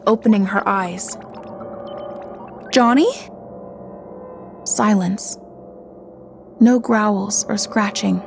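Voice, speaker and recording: Over background music, a woman narrates a scripted horror story in a slow, dramatic, suspenseful manner. Her voice is mid-range and warm.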